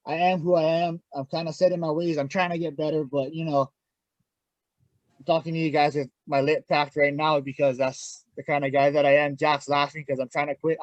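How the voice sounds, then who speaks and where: A plain-spoken man giving a candid personal testimony as a podcast guest in casual conversation. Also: fairly high pitch. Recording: dull, echoey room sound.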